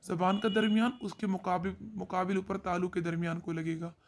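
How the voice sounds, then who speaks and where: A Quran recitation teacher gives a tajweed lesson, explaining where each letter is articulated and drawing the letters out as demonstrations. Brisk and flat at a medium pitch, the voice frequently speaks directly to viewers.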